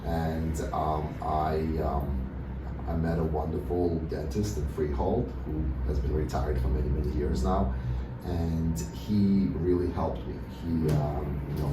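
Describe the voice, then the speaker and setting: A Russian dentist with a very deep voice answers casual interview questions hesitantly, full of "you know"s and restarts. He's recorded from a distance in an echoey room, with steady background noise beneath him.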